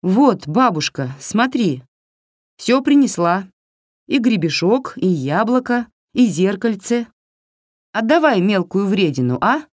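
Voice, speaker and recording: A woman's voice: medium pitch, sing-song, slow, no echo, clean studio sound, voice pushed up. Woman doing a frightened, stubborn young girl. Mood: pleading. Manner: pleading, anxious.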